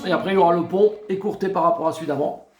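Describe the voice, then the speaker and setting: A man teaching guitar, explaining chords step by step and counting beats as he plays. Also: sits high. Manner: slow step-by-step explaining, counting beats and singing snatches while playing. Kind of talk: guitar tutorial. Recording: echoey room with loud guitar.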